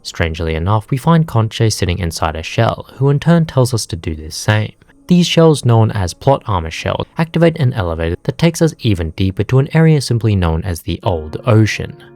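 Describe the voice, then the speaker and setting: This is a young man narrating a scripted gameplay recap in a low voice that moves up and down freely. His humor is sarcastic and crude, and he delivers it with a deadpan edge. Soft background music runs under his voice. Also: moderate pace, few pauses. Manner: sarcastic, profane, deadpan jokes. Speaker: gaming video narrator.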